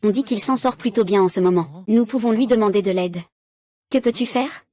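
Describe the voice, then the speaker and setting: A woman's voice: medium pitch, quick pace, dark tone. Woman dubbing every part in one voice. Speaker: voice-over dubber. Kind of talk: single-voice dub of a drama series.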